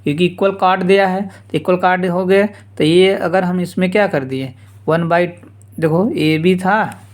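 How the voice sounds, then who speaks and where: A man teaching a geometry lesson informally, repeating steps slowly and dropping casual asides. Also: high-pitched. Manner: slow, repetitive explaining with casual asides. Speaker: math teacher.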